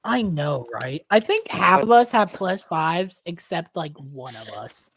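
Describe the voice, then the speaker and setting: A woman's voice: on the low side, big pitch swings, a little slow, breathy edge, no room sound. A woman running a tabletop game as game master, guiding the players step by step over an online voice call. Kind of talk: casual tabletop game chat.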